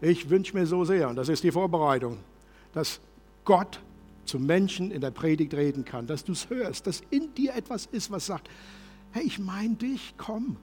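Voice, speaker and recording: Husky-voiced man preaching in a reverberant hall. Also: on the high side, expressive, moderate pace, soft background music. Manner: passionate preaching, swings from loud to soft. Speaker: pastor. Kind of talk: sermon. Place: church service hall.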